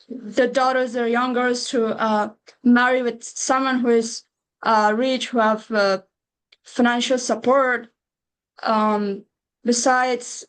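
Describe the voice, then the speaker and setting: Slow, halting young woman from Afghanistan. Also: on the high side, clear, resonant tone, poor audio. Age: young adult. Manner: slow and halting, many uh pauses. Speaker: webinar participant. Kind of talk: personal testimony on a video call.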